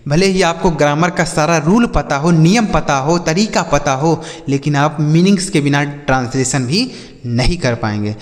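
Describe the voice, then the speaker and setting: Brief: male teacher, slightly high voice, slow drilled spelling and repeating, reverberant hall sound. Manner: repetitive, asks and answers his own questions. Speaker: English teacher. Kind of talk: spelling-out vocabulary lesson.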